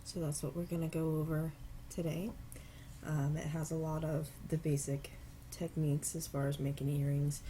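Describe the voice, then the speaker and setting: At a home craft table, a woman with a low, stuffy voice from a cold walks viewers step by step through making earrings in a casual tutorial. Her manner is relaxed and unhurried, though she stops now and then to apologize. A faint background hiss is audible.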